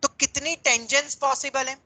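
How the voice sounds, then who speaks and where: A man's voice: very high voice, steady tone, brisk, creaky, sharp tone, rough recording. A man teaching maths in a classroom, explaining patiently in Hindi mixed with English terms and calling his students "beta". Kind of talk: classroom lecture.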